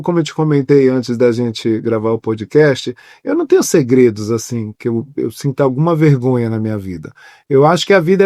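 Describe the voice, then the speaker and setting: A man's voice: a little high, no room sound, studio quality. A man hosting a podcast, telling his own story candidly and acting out the voices in his memories. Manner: emotional, animated retelling with acted-out dialogue. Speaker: podcast host.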